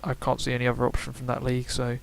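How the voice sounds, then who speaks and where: A gaming YouTuber, a young man, rattles off rambling video game predictions very fast, packed with fillers and self-corrections. His mid-range voice is creaky and the delivery is completely flat.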